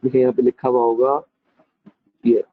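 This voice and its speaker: A male teacher gives a classroom lecture, calling students friends, mixing in English phrases and demonstrating with lively emphasis. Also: medium pitch, normal speed. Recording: dull lo-fi dry recording.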